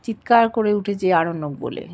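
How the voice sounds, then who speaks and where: A woman's voice: lowish voice, fairly even intonation, unhurried, darkish tone, lo-fi sound. Lady recapping a tv serial episode, reads everyone's lines in the same plain voice.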